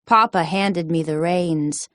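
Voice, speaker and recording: A woman narrating a children's storybook in a slow, deliberate storytelling manner. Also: fairly low pitch, fairly bright tone, no echo, clean studio sound. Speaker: storybook reader.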